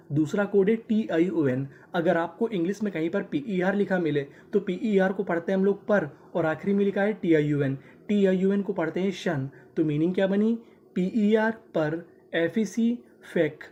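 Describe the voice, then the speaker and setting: A man teaching a class, spelling words out slowly syllable by syllable and repeating them, asking questions and answering them himself. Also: sits high, mellow, muffled recording. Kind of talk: classroom-style language lesson.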